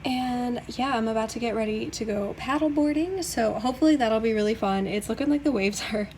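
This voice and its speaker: A woman's voice: a little high, brisk, darkish tone, slight background noise. A woman in her twenties telling a story to her vlog camera in a casual, chatty way, full of fillers like "like" and "um". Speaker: vlogger. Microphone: camera mic. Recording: roomy echo, camera mic at a distance.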